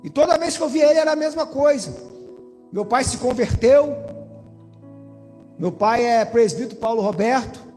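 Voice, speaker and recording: In a church hall, a man with a Brazilian Portuguese accent from Espírito Santo gives a testimony at an evangelical church, addressing the pastor and congregation directly. His voice is extremely high and a little mellow, at a moderate pace with long pauses. The recording carries hall reverb and faint music.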